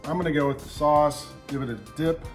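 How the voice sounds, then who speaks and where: Relaxed man cooking at home. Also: fairly high pitch, a little fast, rough recording. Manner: relaxed, step-by-step explaining while cooking. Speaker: home cooking show host. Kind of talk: casual cooking demonstration. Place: home kitchen, indoors. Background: background music.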